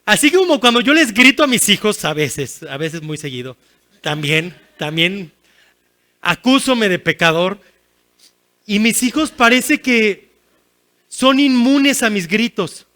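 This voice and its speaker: A man's voice: sits high, animated, a little slow, pushed and bright. A man preaching a sermon as guest pastor, earnest and pleading, with repeated phrases and touches of self-deprecating humor. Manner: earnest, repetitive pleading cadence.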